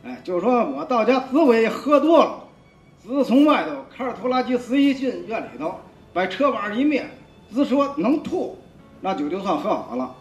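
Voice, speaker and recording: A man's voice: sits high, sing-song, normal speed. A man, giving a rambling, colloquial spoken testimony full of repeats and restarts. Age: 50s. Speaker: church member giving testimony. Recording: roomy, dull sound with faint music.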